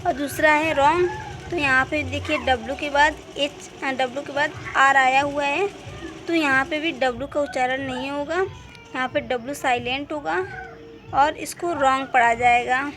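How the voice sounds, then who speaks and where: Female tutor, high register, patient step-by-step explainer; slight background hiss. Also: steady tone, normal speed. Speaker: English teacher. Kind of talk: Hindi-language lesson on English spelling.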